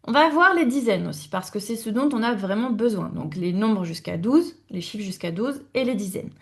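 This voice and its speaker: A woman's voice: mid-range voice, lively intonation, moderate pace. A woman teaching German numbers to French speakers in a video lesson, patiently addressing the viewer and repeating each word with small hesitations. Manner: addresses viewers directly, frequent hesitation fillers.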